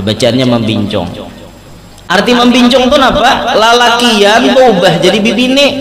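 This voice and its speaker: Man, Banjar Malay accent, preacher, somewhat high voice, animated, loud bursts and hushed warnings, echoey hall, crowd audible. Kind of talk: sermon to a live crowd.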